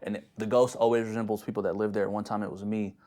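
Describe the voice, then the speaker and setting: A man's voice: lowish voice, little pitch movement, quick pace, mellow. A young man co-hosting a podcast, casually telling a spooky family story with slang and restarts. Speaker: podcast co-host.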